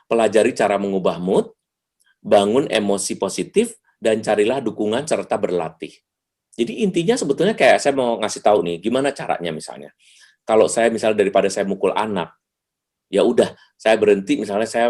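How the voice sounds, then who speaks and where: A man giving a lively seminar talk over a video call, acting out little dialogues with sudden jumps in pitch. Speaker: seminar speaker.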